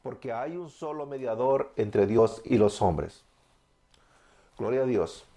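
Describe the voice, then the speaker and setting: A crowd can be heard behind a Salvadoran man in his thirties as he fervently preaches his evangelical testimony, answering his own questions in a Salvadoran Spanish accent. His medium-pitched voice is lively in intonation and slow in pace.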